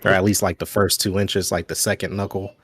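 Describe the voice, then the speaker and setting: A man playing in a tabletop game, answering in a relaxed, laid-back way. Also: low voice, a little fast, husky. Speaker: player.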